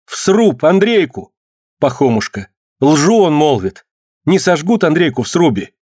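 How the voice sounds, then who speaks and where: A man's voice: on the high side, normal speed, a little mellow, no room sound, studio quality, pitched above the performer's own voice, lightly acted. A man voicing an anxious young peasant woman who pleads and cries out in distress. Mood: distraught.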